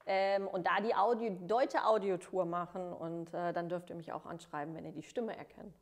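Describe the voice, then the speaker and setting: A woman's voice: on the low side, fairly even intonation. A woman in her thirties from Cologne, a travel expert guest chatting enthusiastically on a podcast. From Cologne, Germany. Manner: enthusiastic, affirming, quick to laugh. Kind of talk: casual interview chat. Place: studio room with dark backdrop.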